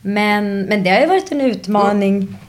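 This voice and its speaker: A woman actress in a casual interview, reflective and animated as she tells stories, dropping in English phrases. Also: medium pitch. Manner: drops English phrases into her speech. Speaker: actress guest.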